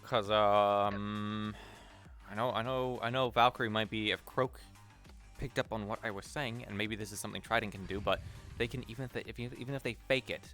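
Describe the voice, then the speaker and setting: A man's voice: lowish voice, steady tone, a little fast, fairly bright tone, soft background music. A man in an in-character roleplay, rambling and swearing with many restarts. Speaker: roleplay streamer.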